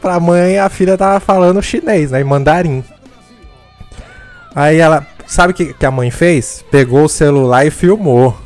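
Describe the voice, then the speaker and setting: Animated man telling a crude, funny story. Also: fairly high pitch, normal speed, soft background music. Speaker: streamer. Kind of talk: comic storytelling.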